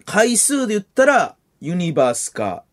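A young man with a Kansai accent hosting late-night comedy radio, animated banter and voiced sound effects. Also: high voice, moderate pace, dry recording, studio quality. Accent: Kansai Japanese. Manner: animated, mimics jingles and sound effects with his voice. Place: radio studio. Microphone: studio mic.

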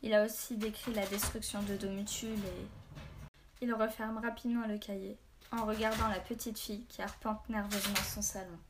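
A woman narrates a novel aloud in a quiet, measured way. Her voice sits at a middling pitch and stays steady and even. A faint hiss runs under the recording. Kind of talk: audiobook narration.

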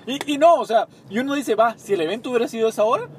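A man's voice: very high-pitched, expressive, very fast, slight background noise. A young man with a Guatemalan accent, co-hosting a casual chat from a car, telling stories and acting out what people said, joking. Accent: Guatemalan Spanish. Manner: storytelling, acts out quoted dialogue, joking. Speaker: podcast co-host, small bakery owner. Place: inside a car, parking.

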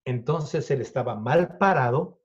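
Speaking a little slowly in a mid-range voice with a breathy edge, the Mexican illusionist in his fifties recounts a story during an interview. He performs the dialogue and swears without holding back. The audio is dull and lo-fi.

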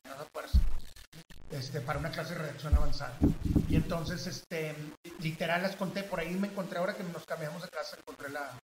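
A man with a Mexican accent spins a story in casual chat, and his voice sits fairly high. He talks in an animated way and acts out the people he quotes. The room is echoey, with clear noise behind him. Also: a little fast. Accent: Mexican Spanish.

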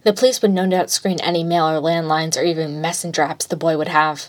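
A woman with a somewhat low voice reads fan fiction aloud. She keeps a steady, plain storytelling delivery throughout the narration. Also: brisk.

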